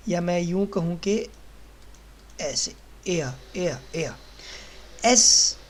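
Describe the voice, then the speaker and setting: A man teaching German pronunciation in a slow lesson. He patiently explains each letter and says every sound several times while writing on a board. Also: high voice, darkish tone. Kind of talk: slow lesson walking through the alphabet.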